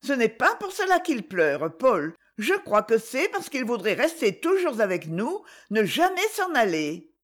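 A young boy from a storybook, steady and firm in what he wants, as a woman reader puts him on. He speaks high and childlike but decided, the pitch moving freely. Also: a little slow.

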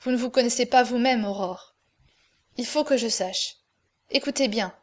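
Rich: A woman reads a tormented man torn between love and duty, his questions raw and pleading. The voice sits a little high, as she keeps close to her own reading voice in this audiobook. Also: normal speed, natural voice.

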